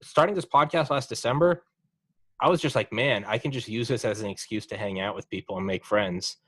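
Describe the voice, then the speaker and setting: A young man with a lowish voice hosts a casual podcast chat, swearing freely and cheering his guest on. His delivery is animated and story-driven. The sound is dry and close, with no room echo. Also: a little fast, breathy edge. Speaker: podcast host.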